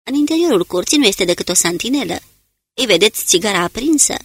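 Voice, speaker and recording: A calm, commanding male commando guide, read by a woman, giving short orders in a low voice. The voice has a faintly husky edge and is set in a dry room with no echo. It sounds like a character in an audiobook. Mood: steady.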